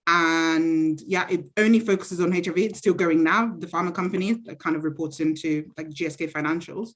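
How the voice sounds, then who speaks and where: A woman's voice: lowish voice, fairly quick. A woman from Zambia, around thirty, answering interview questions in a chatty, self-assured and reflective way. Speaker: interviewee, university graduate.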